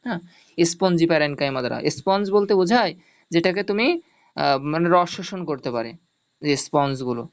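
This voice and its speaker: A man's voice: fairly high pitch, expressive, a little fast, pauses often, clean tone. A male teacher gives an online zoology lesson, explaining step by step, repeating mnemonics and checking that students follow. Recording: dull lo-fi audio.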